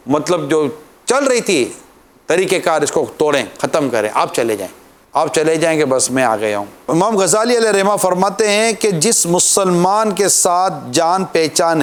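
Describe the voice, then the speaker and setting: Man preaching a sermon, raised higher voice, impassioned and pleading, soft earnest stretches. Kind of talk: Islamic sermon.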